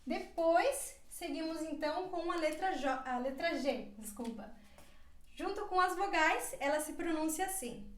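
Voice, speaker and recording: A woman's voice: very high voice, lively intonation, unhurried, roomy sound. A woman teaching a language lesson, carefully pronouncing each example word and repeating it. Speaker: Portuguese teacher.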